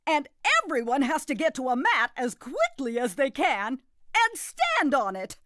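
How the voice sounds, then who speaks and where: A woman's voice: high-pitched, wildly swooping pitch, unhurried, over music, full character voice. A woman voicing a jolly, doting, slightly nutty grandmother who hosts a children's game in a folksy, gleeful, exclamatory way. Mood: cheerful, instructive. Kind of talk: animated children's game narration.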